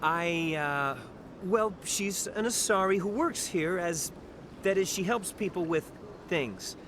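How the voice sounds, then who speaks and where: An actor playing a young, eager army private in a video game, awkward and easily flustered. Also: male voice, sits high, animated, takes it slowly, background noise. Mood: flustered, sheepish. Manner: stammering, flustered. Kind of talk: video game dialogue acting.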